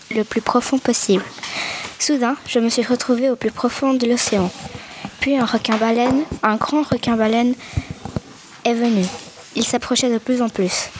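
A young female student introduces herself and reads her own story aloud. Her voice is a little high, and she stumbles and restarts now and then. Clear background noise runs under the recording. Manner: plain reading with small restarts. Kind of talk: reading a written story aloud.

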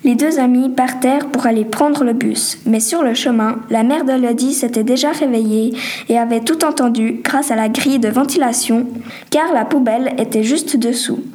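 A woman reading a homemade story aloud in a plain, slightly halting way. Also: fairly high pitch, darkish tone.

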